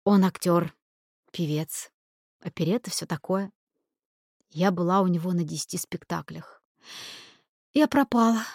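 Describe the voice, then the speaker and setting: A woman's voice: fairly low pitch, unhurried, long pauses, darkish tone, no room sound, studio quality. A woman reading an audiobook and voicing an impulsive young woman in love who exclaims, pushes and swears. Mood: excited, pushy.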